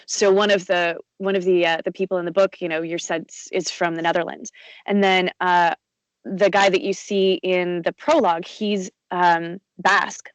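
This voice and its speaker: A woman's voice: fairly low pitch, dry recording, rough recording. A woman audiobook narrator and voice actor talking in an interview, chatty, with many fillers, restarts and easy laughs. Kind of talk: conversational interview.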